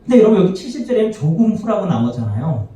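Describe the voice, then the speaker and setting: A man's voice: high-pitched, sing-song, fast talker, mellow. A man, a pastor, preaching a sermon to his congregation, often asking them rhetorical questions and acting out the quoted lines. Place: church sanctuary. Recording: very echoey hall, voice from far off.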